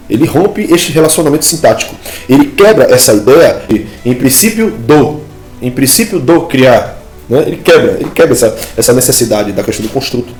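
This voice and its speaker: With faint music in the background of an echoey room, a man walks through Biblical Hebrew grammar one step at a time, frequently checking on his listeners and pointing at on-screen text. His voice is medium in pitch with a darkish tone.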